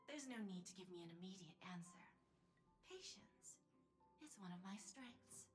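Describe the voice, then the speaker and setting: Woman playing a soft sly businesswoman. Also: mid-range voice, lively intonation, moderate pace, over music, natural voice. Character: sly composed businesswoman, patient.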